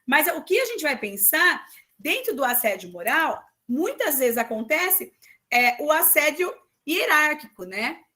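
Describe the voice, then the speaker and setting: A woman teaches an exam-prep lesson in a loud, emphatic way. Her voice sits high and sounds bright and forceful. She keeps stopping to check that her students follow her. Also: very animated, a little slow.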